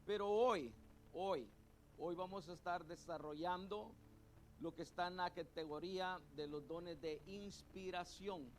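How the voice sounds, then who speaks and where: A middle-aged male pastor preaching a sermon, leading the congregation to repeat terms after him and repeating his points slowly. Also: high-pitched, a little hiss or hum. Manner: call-and-response teaching, has the congregation repeat terms; spells out words letter by letter and repeats points slowly.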